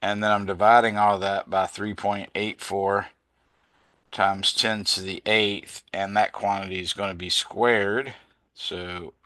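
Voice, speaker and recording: A male physics tutor with a bright, forward voice that sits a little low, recorded close and dry with no room sound. He talks through calculations slowly and methodically, reading out every number and unit and fixing his own slips along the way. He sounds tired, with the occasional yawn. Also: no room sound. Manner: slow, methodical, reads out numbers step by step, self-correcting. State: tired, yawning. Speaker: physics teacher. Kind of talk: working through problems aloud.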